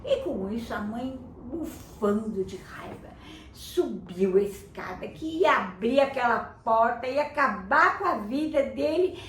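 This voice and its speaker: An older woman telling a children's story, animated, putting on voices for the characters. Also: fairly high pitch, measured pace, a little hiss or hum. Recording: echoey room from a distance, faint ambience.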